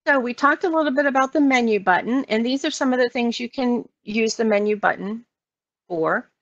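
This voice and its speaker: An American woman trainer walks through instructions step by step, voice only, over an online meeting screen-share. Her fairly high-pitched voice is brisk, and the recording is dry, dull, and lo-fi.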